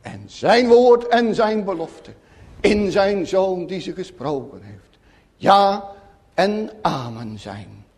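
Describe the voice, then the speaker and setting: A male preacher delivers a sermon in an earnest, solemn tone. He speaks slowly, letting long pauses sit between phrases. His voice sits somewhat high for a man. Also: expressive, a little mellow.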